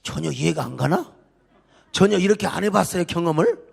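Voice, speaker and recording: A male pastor preaching a sermon in a church, emphatic, swinging from quiet conversational talk to loud shouts. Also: on the high side, animated, a little fast, creaky, slightly rough. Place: church sanctuary.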